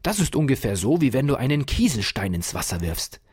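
A kindly storybook professor, as a man plays him, patiently explaining with a lively, rising and falling voice. The tone is husky, and the recording is dry and close. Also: mid-range voice, a little fast, dry recording. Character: kindly enthusiastic old male professor.

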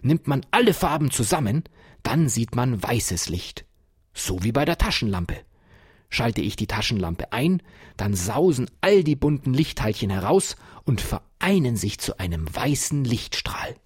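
A man voicing a kindly, enthusiastic old professor who patiently explains things to a child, in a husky voice. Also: medium pitch, unhurried, no echo, clean studio sound. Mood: explaining. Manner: patient explaining, lively delight.

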